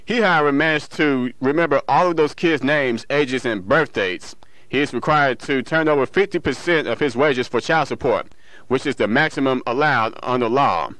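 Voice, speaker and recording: In a radio studio, a man who doubles as newsreader and music show DJ delivers local news, sports and weather in a regional broadcast manner, tripping up occasionally and fixing it. He speaks at normal speed in a medium-pitched, fairly bright voice. There's no echo, but the recording is rough.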